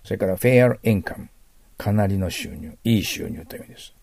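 A man's voice: on the low side, steady tone, fairly quick, darkish tone, dry recording. A man with a Japanese accent teaching English vocabulary, patiently explaining words and exaggerating his English pronunciation so learners can copy it. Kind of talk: lecture-style vocabulary lesson.

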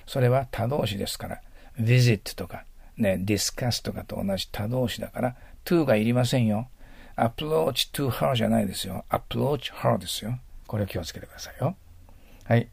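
Male teacher, middle-aged, low gravelly voice, dry close recording, patient vocabulary drills. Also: darkish tone, no echo. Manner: patient, drills pronunciation with repeated tag questions. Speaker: English teacher. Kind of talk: vocabulary lesson lecture.

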